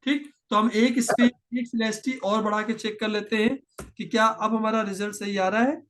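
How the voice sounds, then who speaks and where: A man teaching programming in a screen-share tutorial, explaining patiently step by step and slowing down to dictate code, mixing with terms. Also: high-pitched, steady tone, a bit bright, slight background noise.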